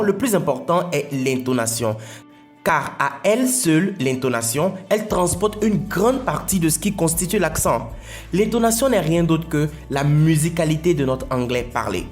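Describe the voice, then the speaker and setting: A man explaining an English lesson in French, patient and repeating his points for emphasis. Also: a little high. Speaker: English teacher.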